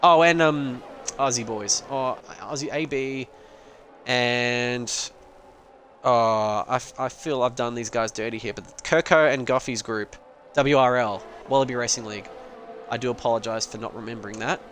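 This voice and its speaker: A young man calls a sim race live in an offhand, rambling way, with quick jokes and the odd swear. His voice sits in an ordinary middle pitch. Faint engine noise hums behind him. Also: fairly bright tone. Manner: casual, rambling, swears and laughs. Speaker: race commentator. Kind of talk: live esports race commentary.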